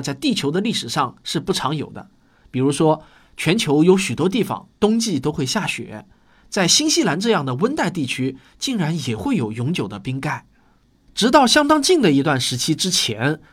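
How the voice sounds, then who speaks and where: A male narrator with a fairly high voice and very animated intonation. He delivers scripted popular science in the manner of a nature documentary, explaining step by step as if telling a story. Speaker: host of a popular science audio series.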